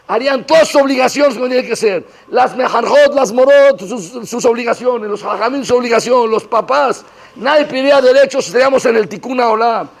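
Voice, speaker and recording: Gravelly high-voiced rabbi lecturing. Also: male voice, normal speed, hardly any pauses. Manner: mixes Hebrew terms into Spanish, lively teacher acting out dialogues. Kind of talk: Torah lecture. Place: classroom talk to female students.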